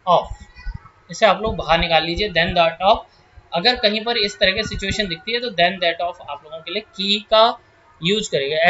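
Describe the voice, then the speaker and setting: A man with an Indian accent teaching English grammar rules for exams, reading each rule slowly and then explaining it quickly with check-in questions. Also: sits high, sharp tone, lo-fi sound, a little hiss or hum. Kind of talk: exam-prep grammar lesson in Hindi with English examples.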